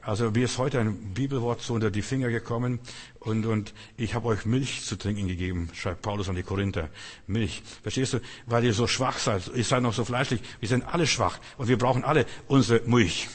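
A man with a husky voice preaches a sermon, hammering home phrases through repetition and turning to his congregation with direct questions. His voice rings with a long echo, as in a large church hall. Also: mid-range voice, brisk. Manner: emphatic, repetitive, often asks the listeners "verstehst du".

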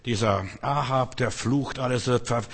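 A man's voice: medium pitch, moderate pace, husky. A man preaching a sermon, with emphatic repetition and frequent questions to his listeners. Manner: emphatic, repetitive, often asks the listeners "verstehst du". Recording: long echo of a large hall.

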